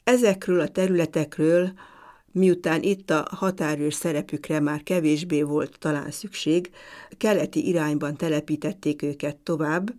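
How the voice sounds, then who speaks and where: Woman giving a measured academic lecture. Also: sits low, steady tone, darkish tone. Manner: measured, deliberate delivery with occasional hesitations. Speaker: university lecturer.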